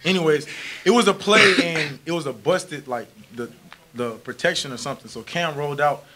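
A young man, a college football receiver, talking in an energetic, easygoing way at a post-game press conference. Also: fairly high pitch, moderate pace, very noisy. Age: young adult. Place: press room in front of a team backdrop. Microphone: table mic on a stand.

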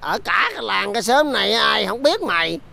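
A man's voice: sits high, animated, fairly quick, vocal fry, pushed and bright, exaggerated voice. An actor playing a teasing drinking companion who mocks his friend and picks a quarrel with him in a TV fairy-tale drama. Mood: mocking. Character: gravelly, mocking village drinking crony. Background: background music.

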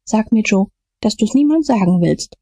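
A woman's voice: sits high, very animated, moderate pace, gravelly, warm tone, dry recording, pitched above the performer's own voice, full character voice. Woman playing a trembling, pleading drunk man. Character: scared, pleading drunken male vagabond.

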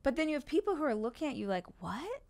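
Earnest woman hosting a relaxed chat. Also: sits high, fast. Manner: earnest and conversational, acting out quoted reactions. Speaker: podcast host. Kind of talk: casual interview chat. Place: bright living-room studio set, indoors. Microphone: studio boom mic.

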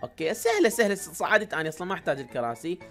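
An excitable woman with an Iraqi Arabic accent hosts game commentary at a quick clip. Her pitch leaps around lively between low mutters and high yelps. Faint game music plays behind her. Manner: excitable, laughing, shouty exclamations. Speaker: gaming channel host.

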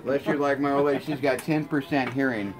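A man's voice: medium pitch, steady tone, fast, rough recording. A man who is a longtime customer, chatting casually and praising the shop with effusive, swearing enthusiasm. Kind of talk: casual chat. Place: record store indoors.

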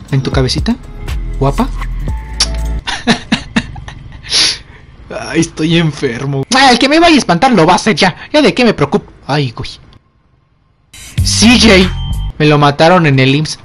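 Over background game music, a young male gamer with a Mexican Spanish accent does let's play commentary, joking in slang and getting startled easily. His voice is high with a fairly bright tone.

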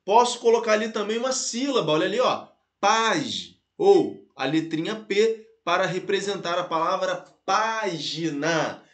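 A Brazilian man with a high voice teaches a grammar class with lively energy. He keeps calling out to his students and slows down to spell letters out one at a time. The sound is roomy and echoing. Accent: Brazilian Portuguese. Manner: lively, addresses viewers as "galera" and "pessoal", spells letters out slowly. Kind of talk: online grammar lesson.

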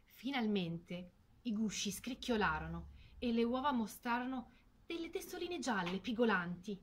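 Expressive woman telling a fairy tale. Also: a little high, slight background noise. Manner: expressive, slow and lingering on words. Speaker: storyteller. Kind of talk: storybook narration for children.

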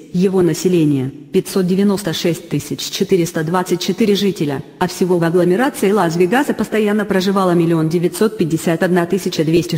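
A text-to-speech robot voice reading an encyclopedia article aloud, with even, mechanical delivery that reads bracket notes out as words. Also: medium pitch, in a large hall.

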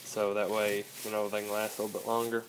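A man's voice: lowish voice, completely flat delivery, quick pace, background noise. A nineteen-year-old man casually vlogging at home into a phone camera, rambling with lots of fillers. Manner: laid-back, rambling with many "uh" fillers. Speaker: fitness vlogger. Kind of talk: casual vlog. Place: home room, indoors. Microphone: phone camera close up.

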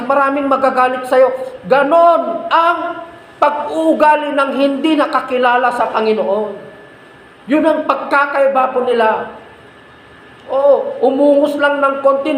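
A man's voice: very high voice, a bit bright, roomy sound, poor audio. Male pastor, preaching, rhetorical questions, faint background noise. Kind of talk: sermon.

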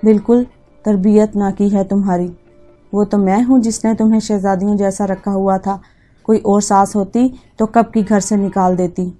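A woman's voice: medium pitch, level tone, moderate pace, dark tone, faint music behind, close to an everyday voice. A woman voicing a middle-aged mother who scolds and reproaches firmly. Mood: reproachful.

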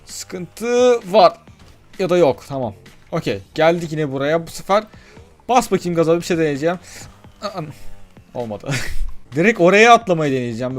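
A man with a slightly high voice gives let's play commentary, talking himself through each move. He swings between loud excited cheering and quiet, focused muttering, with faint game music under him on a home desk mic. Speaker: gaming YouTuber.

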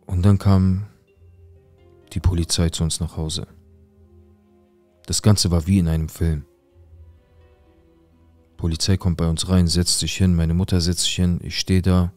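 A man's voice: sits low, level tone, unhurried, pauses often, darkish tone, faint music behind. A man recounting a painful episode from his past in an earnest, tense way, repeating words for emphasis. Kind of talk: emotional personal storytelling.

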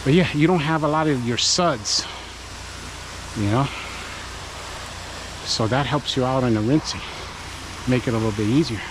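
A man's voice: mid-range voice, moderate pace, long pauses. A man hosting a work vlog, chatting and coaching viewers while he washes a house outdoors. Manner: chatty, encouraging, talks to viewers while working. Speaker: pressure washing business owner and channel host. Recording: noisy outdoor recording.

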